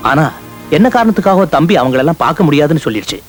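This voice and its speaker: An actor playing a scheming corrupt estate manager who talks smoothly in a Tamil film. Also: male voice, fairly high pitch, expressive, rapid-fire, soft background music, close to an everyday voice.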